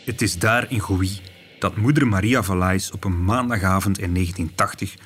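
A man's voice: low-pitched, moderate pace, fairly bright tone, slight background noise. A man with a Flemish accent reading scripted true-crime documentary narration as the host. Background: music.

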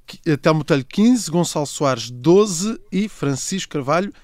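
A man's voice: fairly high pitch, lively intonation, moderate pace, darkish tone. A man with a European Portuguese accent presenting a contest show as its host.

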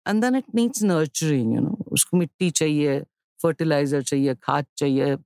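A woman with an Indian accent answering reflectively in an interview, explaining in short phrases with pauses and repetitions and switching between Hindi and English. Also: low voice, creaky, mellow, dry recording, clean studio sound. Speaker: interview guest, stage and screen actor-director.

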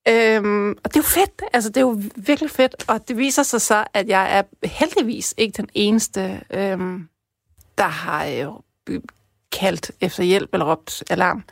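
A young woman from Denmark tells a personal story in a loose, chatty way, full of fillers. Her voice has a gravelly fry, and she slips from hushed tones into bursts of excitement. The sound is dry and close. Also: medium pitch, no echo.

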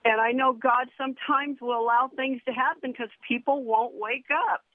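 An older woman calls in to a talk radio show over a thin, tinny phone line. Her voice sits high, and she talks earnestly, with devout conviction. The line is dry and close, with no room around it. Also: steady tone, normal speed, no room sound. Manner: earnest and devout, talking in a rush of feeling. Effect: calling in over a phone line. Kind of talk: casual chat.

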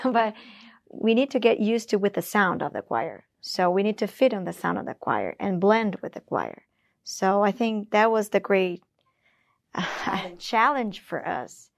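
A woman speaks as a guest in an interview, in a lively voice that rises and falls widely. Her tone has a gravelly catch, and she keeps things upbeat with laughter between phrases. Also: medium pitch, no echo, clean studio sound. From Brazil. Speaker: choir singer, interview guest.

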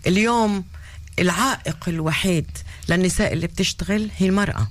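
Fast-talking, outspoken Palestinian woman. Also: on the low side. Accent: Palestinian Arabic. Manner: blunt, outspoken. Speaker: talk show guest. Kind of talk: opinionated live discussion.

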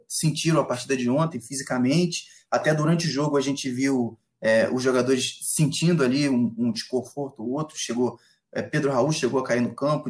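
A man with a Brazilian accent giving casual football analysis as a reporter, in halting, pieced-together phrases. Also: mid-range voice.

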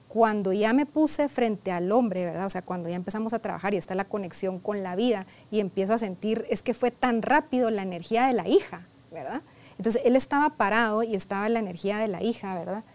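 A woman's voice: medium pitch, fairly quick, a little mellow. A woman therapist telling a client's story in a conversational interview, often adding "right?" and "I mean" and acting out dialogue from the session. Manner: conversational, peppered with "¿verdad?" and "o sea".

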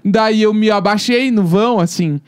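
A young adult Brazilian man co-hosting a podcast, telling a story in slangy, animated casual talk. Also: high voice, moderate pace, clean tone, no echo, studio quality. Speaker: podcast co-host.

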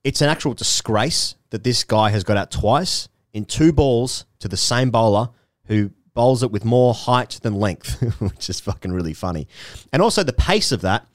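A man's voice: lowish voice, animated, normal speed, no room sound, clean studio sound. A man co-hosting a podcast in casual chat, wry and laying out his arguments point by point. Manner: wry, argues his case with repetition. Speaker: podcast co-host.

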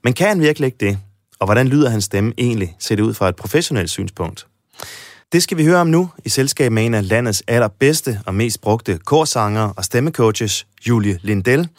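A man's voice: lowish voice, no room sound, clean studio sound. A man hosting a music talk show, reading a scripted introduction and then chatting with enthusiasm as a fan. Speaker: radio host. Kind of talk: scripted introduction and casual interview.

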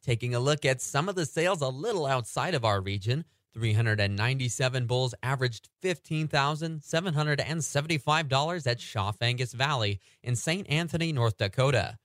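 A man anchoring a radio farm report, reading agricultural news and market prices in a steady newsreader delivery. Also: medium pitch, fairly quick, few pauses, dry recording, studio quality.

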